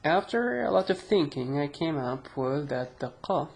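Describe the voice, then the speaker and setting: Giving a relaxed online pronunciation class, a young language teacher who speaks Arabic natively talks slowly with an Arabic accent, stretching sounds and poking fun at himself. His pitch is fairly high with big swings, and the voice is gravelly yet a little mellow.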